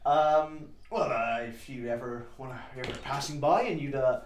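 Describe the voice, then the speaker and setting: A man's voice: medium pitch, normal speed, echoey room, a little hiss or hum, natural voice. A man voicing a nervous male dwarf homesteader who hesitates and stumbles over his words. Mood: hesitant. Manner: hesitant, full of ums and uhs.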